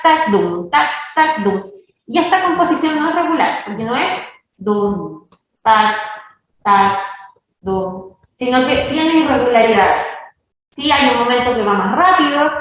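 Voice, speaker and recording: A woman's voice: high-pitched, a bit bright, heavy reverb, far from the mic, a little hiss or hum, rough recording. A woman teaching music theory to belly dancers, counting beats aloud and often checking that her students follow.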